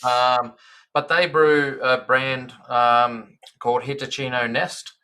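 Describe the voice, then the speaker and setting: A man's voice: medium pitch, little pitch movement, slow pace, pushed and bright, clear, resonant tone. An Australian man co-hosting a casual beer podcast, chatty and blunt in his talk. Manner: chatty, blunt, says "mate". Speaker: podcast co-host.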